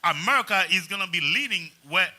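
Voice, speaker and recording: A man talking as a panelist in a casual discussion, animated and stumbling over restarts. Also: high voice, brisk.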